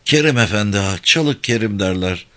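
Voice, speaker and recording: A man's voice: lowish voice, animated, moderate pace, a bit bright. A man voicing a plain young male villager who answers in short, clipped replies in an audiobook. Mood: curt.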